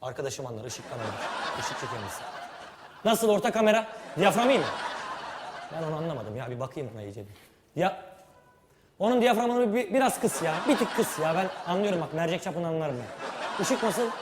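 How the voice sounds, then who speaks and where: A man's voice: fairly high pitch, sing-song, brisk. A man acting as a bossy mock film director, mock-formal and pompous, laughing as he gives orders. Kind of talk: comic improvised sketch. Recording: reverberant hall with loud background noise.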